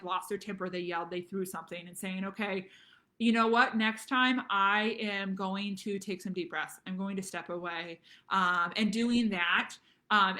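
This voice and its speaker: A woman's voice: medium pitch, pushed and bright. A young adult woman, a pediatric nurse practitioner, giving conversational parenting advice and often checking in with "okay?".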